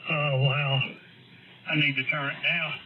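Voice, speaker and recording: An amateur radio operator chats casually over an on-air link, his slightly high voice flat and unhurried. The transmission sounds dull, with clear static noise.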